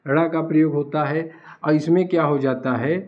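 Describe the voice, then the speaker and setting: A man's voice: a little high, fairly even intonation, moderate pace. A man teaching a Hindi class at a board, who asks questions and then answers them himself. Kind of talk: blackboard lecture. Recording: dull lo-fi recording.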